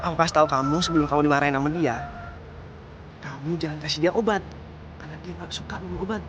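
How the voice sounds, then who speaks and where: An actor playing an easygoing, protective young bajaj driver and boyfriend in a comic TV serial. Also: male voice, on the high side, fast, dull audio, background noise, close to an everyday voice. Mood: tender. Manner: casual slangy, protective. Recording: music behind.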